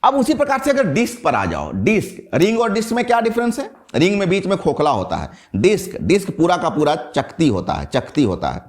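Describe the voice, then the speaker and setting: A man teaching a physics class, asking questions and answering them himself in a lively classroom lecture. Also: sits high, fairly quick, hardly any pauses.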